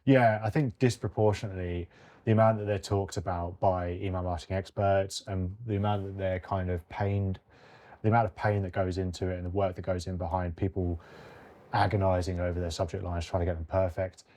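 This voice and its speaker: Low, dark-voiced man chatting. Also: level tone, fairly quick. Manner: chatty, often tags sentences with "right?". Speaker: podcast co-host. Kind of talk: casual podcast chat.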